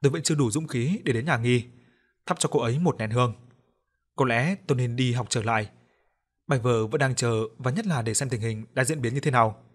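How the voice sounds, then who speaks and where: A man narrating a story in an audiobook, with expressive storytelling. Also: mid-range voice, brisk. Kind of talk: scripted narration.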